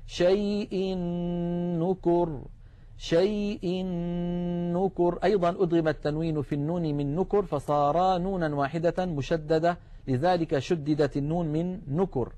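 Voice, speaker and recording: A man with a slightly high voice teaches Quran recitation in a steady, patient way. He stops often to chant short examples very slowly, holding the nasal sounds long. The tone stays that of a lesson throughout. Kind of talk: recorded tajweed lesson.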